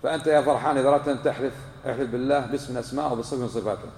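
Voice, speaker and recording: A man's voice: medium pitch, fairly even intonation, very fast, darkish tone. A man giving a religious lesson to a live class, quizzing his listeners and repeating key points for emphasis. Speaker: religious teacher. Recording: echoey hall with long reverb.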